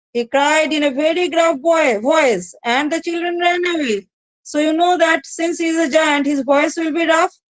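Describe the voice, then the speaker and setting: A woman's voice: high voice, no echo, low-quality recording. A woman teacher with an Indian English accent, explaining a story line by line to her students and repeating each point. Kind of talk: online class explaining a story.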